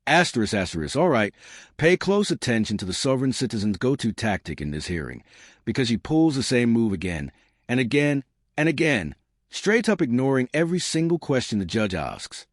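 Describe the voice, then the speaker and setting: A man's voice: medium pitch, very animated, normal speed, no room sound, studio quality. A man hosting a scripted reaction video, giving hyped-up, mocking commentary with emphatic delivery. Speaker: host of a reaction channel.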